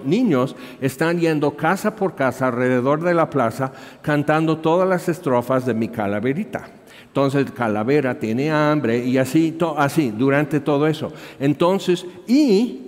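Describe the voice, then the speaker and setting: A man's voice: fairly high pitch, darkish tone. Man telling a story in an echoing hall. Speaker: missionary preacher. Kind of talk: storytelling sermon. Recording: reverberant hall.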